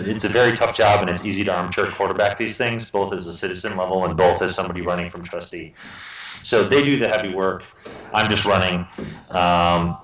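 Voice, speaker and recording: A man's voice: low-pitched, a bit bright. A man trustee candidate giving a modest, hedging answer at a forum, full of ums. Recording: echoey hall, mic from far off.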